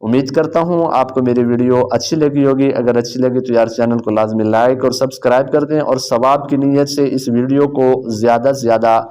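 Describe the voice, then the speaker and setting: A man teaching beginners the Arabic letters, drawing out each letter name in a slow chant between quick explanations. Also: medium pitch, fairly even intonation, warm tone, smooth. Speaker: Quran teacher.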